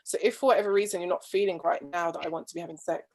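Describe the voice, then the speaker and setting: Speaking in a fairly low, fairly even voice, a woman races through her words as a guest speaker on marriage. The video call connection is patchy, and in this conversational discussion she is earnest and thoughtful, frequently restarting phrases and leaving some to trail off.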